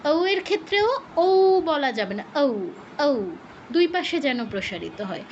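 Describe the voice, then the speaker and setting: A high-pitched woman teaches pronunciation to an online class and demonstrates each sound slowly, one syllable at a time. Her voice comes over a dull, lo-fi video call line. A faint hiss sits underneath. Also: big pitch swings.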